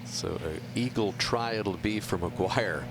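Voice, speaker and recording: A man's voice: lowish voice, unhurried. A man working as a golf commentator, calling live tournament play. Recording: outdoor broadcast with loud crowd noise. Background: loud crowd and outdoor course noise.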